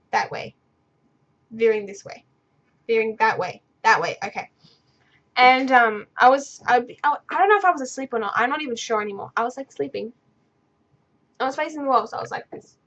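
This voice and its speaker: A young woman answers viewers' questions from her bedroom in loose, unplanned talk to camera, stuttering and starting over while she wanders off on tangents. Her voice leans high and comes across pushed and bright. The audio is dull.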